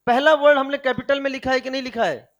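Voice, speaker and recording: A male chemistry teacher giving an energetic lecture, firing questions at his students and calling them "beta" as he coaxes and scolds. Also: very high voice, fast. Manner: animated, fires rhetorical questions at students.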